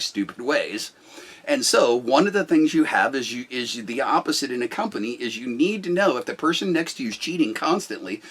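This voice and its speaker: This middle-aged business owner has a loud voice that sits a little high. He's casually discussing management in a blunt and forceful way.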